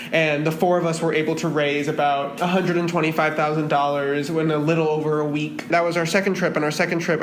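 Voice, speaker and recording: A young man in his twenties, a guest in a remote interview, telling his story in an earnest, steady way. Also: on the high side, roomy sound, a little hiss or hum. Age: 20s.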